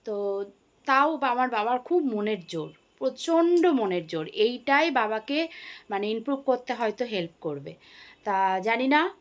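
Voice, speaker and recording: A woman's voice: on the high side, animated, unhurried, muffled recording. A middle-aged woman, talking to her viewers in a casual daily vlog, chatty and full of fillers. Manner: chatty, addresses viewers as friends, frequent fillers. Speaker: vlogger.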